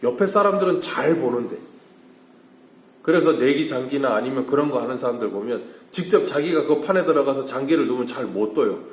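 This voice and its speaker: A man's voice: mid-range voice, animated, fairly quick, echoey room. A man preaching at an early-morning church service. He asks the congregation questions and then answers them himself. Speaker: pastor. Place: church sanctuary.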